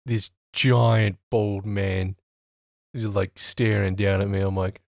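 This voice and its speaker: A young man casually telling an animated, self-mocking anecdote about his retail job. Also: on the low side, takes it slowly, no room sound, studio quality. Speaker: retail worker.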